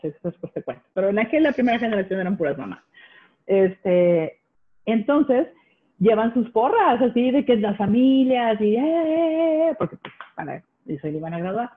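Woman, middle-aged, northern Mexican accent, animated storyteller, laughs a lot, tinny phone-like sound. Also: lowish voice. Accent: northern Mexican (Monterrey). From Monterrey, Mexico. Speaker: guest. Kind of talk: casual conversation.

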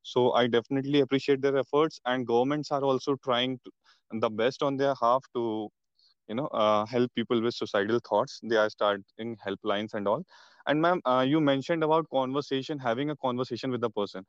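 An Indian man hosts an interview podcast with a clean, smooth voice of medium pitch. He is deferential and phrases things a little hesitantly. The recording is dry and somewhat dull. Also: steady tone, brisk, dry recording. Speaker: podcast host.

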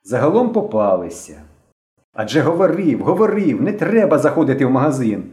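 Storybook voice: man playing an assertive boy leader, scolding, mellow, roomy echo. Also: medium pitch, big pitch swings, fast talker, pitched above the performer's own voice, lightly acted. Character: bossy boy leader of the gang.

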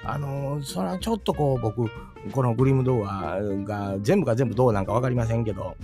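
Music sits under a middle-aged Kansai-accented man whose mid-range voice moves fairly quickly. Hosting a storytelling channel, he offers loose, chatty commentary on a fairy tale and frequently asks his listeners questions.

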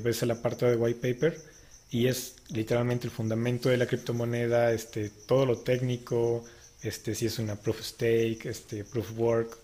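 Man, podcast co-host, earnest advice, step by step, mid-pitched voice. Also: a little mellow. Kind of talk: casual podcast chat.

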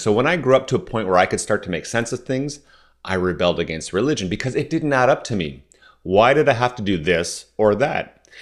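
A podcast host in his forties, from Southern Ontario, Canada, and raised speaking French first, delivers a solo monologue in a somewhat low voice. He is measured and persuasive, frequently framing his points as questions.

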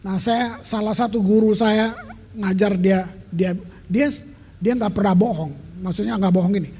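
A man's voice: sits high, fairly even intonation, moderate pace, warm tone, slight background noise. A middle-aged man preaching a sermon as pastor, talking emphatically and conversationally and dropping in English phrases. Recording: long reverb of a large hall.

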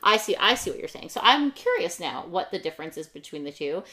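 Bright-voiced chatty woman. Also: on the low side, big pitch swings. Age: 30s. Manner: chatty, enthusiastic, quick asides. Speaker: podcast co-host. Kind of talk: casual chat about books.

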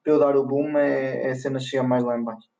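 A man's voice: medium pitch, little pitch movement, fast, vocal fry, dark tone. A young man from northern Portugal with a European Portuguese accent, talking casually as an interview guest, using slang and some English words. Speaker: rapper being interviewed. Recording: roomy, slightly dull lo-fi sound.

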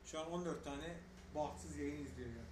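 A man's voice: on the high side, moderate pace, darkish tone, reverberant, slight background noise. A man co-hosting a live radio show, chiming in with short quips and questions. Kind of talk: casual live radio banter.

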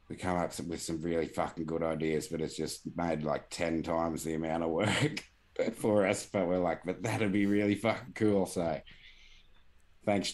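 A man's voice: deep voice, a little mellow. A man hosting a podcast in casual chat, swearing and laughing through banter. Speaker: podcast host.

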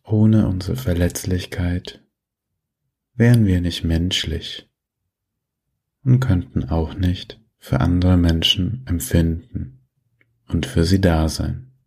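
A man guiding a sleep meditation in a soft, breathy voice, giving gentle, soothing instructions with long pauses. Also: sits low, steady tone. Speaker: meditation guide.

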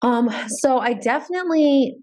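A woman in her forties, a lawyer talking through her background in a relaxed, thoughtful way with many pauses. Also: sits high. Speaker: guest, entertainment lawyer. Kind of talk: casual interview talk.

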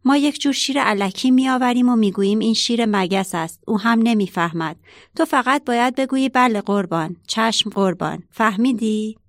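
A woman's voice: on the high side, dry recording, studio quality, natural voice. A woman voicing a timid male mouse servant in a children's story, pleading and anxious.

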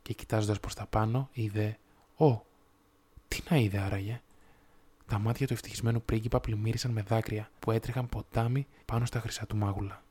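A man reading a fairy tale aloud in a measured, steady storytelling manner. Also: fairly low pitch, slightly rough. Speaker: audiobook narrator.

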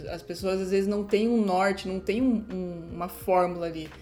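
A woman speaking as a digital designer guest on a podcast, talking in a lively, casual way. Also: medium pitch, moderate pace.

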